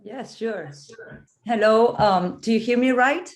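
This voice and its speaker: Her fairly high voice takes things slowly, with an echoey room behind it. She's a panelist and investment partner from Argentina, joining the conference remotely by video call. She explains steadily, with fillers along the way.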